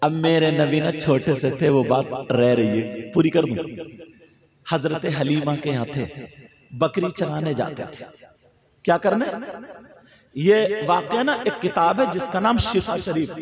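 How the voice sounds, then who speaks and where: A man's voice: on the high side, measured pace. A male preacher giving an emotional sermon at a gathering, telling a story with passion and speaking directly to the crowd through a PA microphone. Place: outdoor religious gathering. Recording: echoey lo-fi PA sound with crowd.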